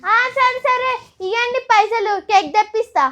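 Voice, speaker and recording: A young woman with a Telangana Telugu accent playing a bossy, caring hostel girl in an amateur skit, loud and pushy, repeating her questions. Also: very high-pitched, normal speed. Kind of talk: amateur comedy skit acting.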